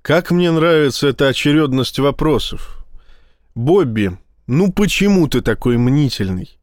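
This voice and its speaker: A man voicing a calm male fleet admiral who answers with light, mocking composure. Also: a little high, measured pace, no echo, studio quality.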